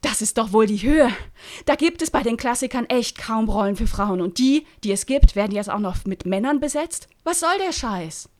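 A woman's voice: a little high, lively intonation, moderate pace, voice pushed up, close to an everyday voice. A woman voicing an indignant young actress who answers sharply and with outrage. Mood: outraged.

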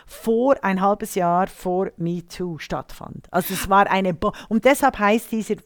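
A woman co-hosting an opinionated discussion, speaking emphatically and haltingly, repeating phrases for stress. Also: medium pitch, no echo, studio quality. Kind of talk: opinionated discussion of film and media politics.

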